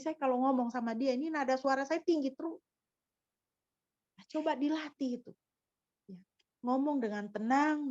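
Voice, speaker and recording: A woman's voice: high-pitched, darkish tone, dry recording, dull audio. A woman pastor delivering a sermon in a teaching manner, often asking rhetorical questions of the congregation. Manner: didactic, with frequent rhetorical questions.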